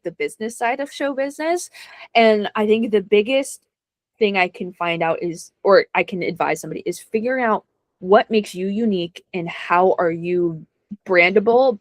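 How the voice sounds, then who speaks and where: A young adult woman, a guest actor, chats casually in an interview, laughing often and poking fun at herself. Her voice is medium in pitch, with no echo.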